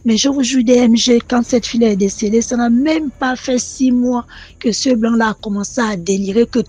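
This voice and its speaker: Husky high-voiced woman telling a story. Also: moderate pace, no echo. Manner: animated, repetitive, addresses the channel directly. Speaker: caller sharing a personal story. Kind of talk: personal testimony storytelling.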